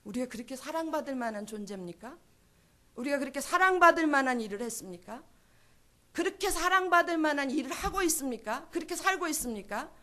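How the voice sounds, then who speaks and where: A woman's voice: high voice, lively intonation, fast talker, pushed and bright. A woman preaching a sermon at a church service, emphatic and full of rhetorical questions. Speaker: pastor's wife preaching.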